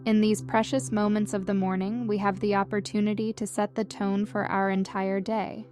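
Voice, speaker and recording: Over background music, a woman guides listeners through a scripted meditation. Her medium-pitched voice stays calm, gentle, and soothing as she delivers her instructions in a measured way.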